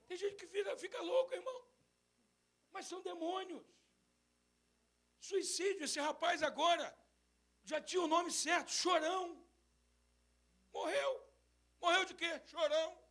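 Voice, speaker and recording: A man preaching an animated sermon at a church service, acting out stories and breaking into shouts. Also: very high-pitched, measured pace, pauses often. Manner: mixes English phrases into his sermon. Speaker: bishop preaching.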